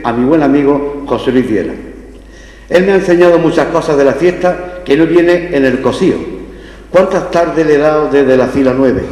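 With a medium-pitched, darkish voice, an older Andalusian Spanish-accented man gives a public festival speech laced with humorous anecdotes. The setting is an indoor hall, where he stands at a lectern before gooseneck podium microphones and his words ring out with long, echoing reverb.

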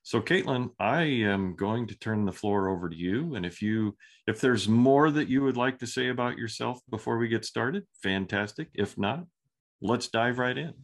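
A man hosting a live webinar over a video call, casual and halting, with lots of ums and uhs. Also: mid-range voice, animated.

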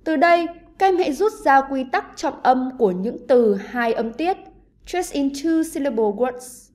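A woman with a Vietnamese accent, teaching an online English lesson to pupils and explaining slowly and carefully. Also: high-pitched, lively intonation, a little mellow.

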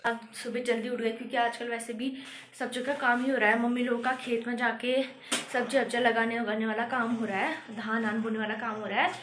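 A woman's voice: a little high, little pitch movement, brisk, reverberant. A woman in her thirties from Uttarakhand in India, chatting casually in a home vlog as she narrates her chores in the kitchen. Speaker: vlogger. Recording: noisy home recording.

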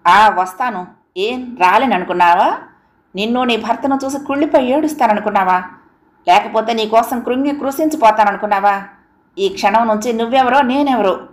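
A woman's voice: mid-range voice, normal speed, close to an everyday voice. Woman reading a bitter jilted young man. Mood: angry, bitter. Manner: bitter, scornful pleading. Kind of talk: audiobook character reading. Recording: roomy echo.

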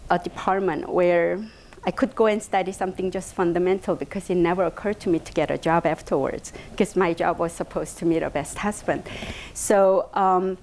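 In a bright indoor meeting room, a South Korean woman in her fifties, there as an invited speaker, gives a personal talk to an audience. She has a lowish voice and a Korean accent, with slight background noise. Hesitant and heavy on fillers, she gestures animatedly with her hands.

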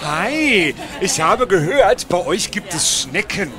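A man's voice: high voice, big pitch swings, slow pace. A man speaking as a campy drag queen host, chatting casually on a roving vlog with music behind. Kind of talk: roving vlog chat with interviews. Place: outdoor Christmas market and small backstage booth. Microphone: headset.

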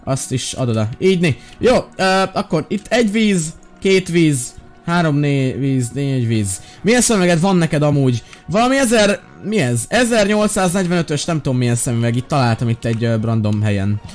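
A man's voice: fairly high pitch, expressive. A young man chatting casually while playing a game, joking and sounding exasperated as he talks to his companions. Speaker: Minecraft gaming video host. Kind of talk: casual gameplay chat. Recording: faint background music.

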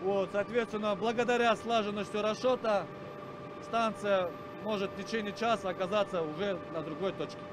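A serviceman giving a halting, formal interview explanation, searching for words. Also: sits high, steady tone. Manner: hesitant, formal. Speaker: radar station serviceman. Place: cramped military equipment cabin. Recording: clear equipment and vehicle-like noise.

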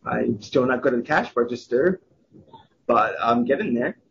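A man's voice: medium pitch, moderate pace, vocal fry, a bit bright, lo-fi sound, a little hiss or hum. A young man from Quebec, Canada, working at a café, answering interview questions hesitantly with many restarts, recorded outdoors. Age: young adult.

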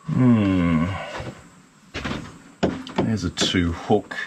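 Middle-aged man, deep-ish voice, dry self-deprecating humour, casual DIY mechanic talk, clear workshop noise and clanks. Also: extremely slow. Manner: wry, self-deprecating, understated. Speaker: host, DIY outboard mechanic. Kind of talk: casual hands-on repair commentary. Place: open-sided cluttered workshop. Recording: noisy workshop audio with clicks and clanks.

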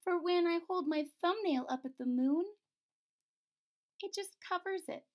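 A woman voicing a sick little girl princess in a storybook, speaking softly and weakly with a childlike lilt. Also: very high voice, unhurried, voice pushed up. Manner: soft, weak, with a childlike lilt.

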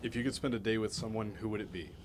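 Brisk, deep-voiced male interviewer. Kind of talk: reading interview questions.

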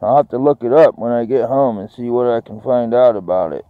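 A man hosting a metal detecting vlog, rambling casually to viewers with many pauses and ums. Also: mid-range voice, narrow, tinny audio. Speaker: metal detecting channel host. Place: outdoors on a grassy course, then an indoor home office.

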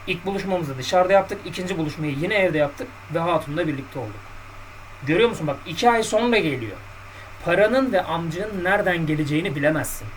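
A man's voice: high-pitched, fairly bright tone, far from the mic, slight background noise, low-quality recording. A man coaching on dating in a casual podcast monologue, blunt and colloquial, lecturing his listeners directly.

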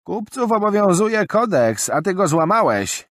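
A man's voice: high-pitched, sing-song, a little slow, fairly bright tone, dry recording, clean studio sound, pitched above the performer's own voice, full character voice. A male narrator voicing a stern, grey-haired older woman who leads a merchant caravan, speaking firmly. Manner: firm, commanding.

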